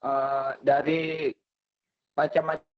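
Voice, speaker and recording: Young male student on a choppy, breaking-up online call, slow, formal and hesitant, dull lo-fi sound. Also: a little high, flat delivery. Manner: polite, formal, hesitant with fillers. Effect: choppy audio breaking up over an online call. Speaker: student asking a question. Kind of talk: asking a question in an online class. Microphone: video call.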